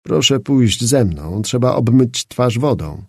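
A man's voice: mid-range voice, lively intonation, slow pace, a little mellow, slightly rough, no echo, clean studio sound, exaggerated voice. A man voicing a bewildered doctor in an audiobook, asking polite, urgent questions. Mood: commanding. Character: bewildered male doctor, helpful and confused. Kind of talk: audiobook character reading.

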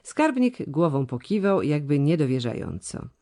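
Audiobook narrator, classic novel, expressive, lively pitch. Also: normal speed. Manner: expressive reading.

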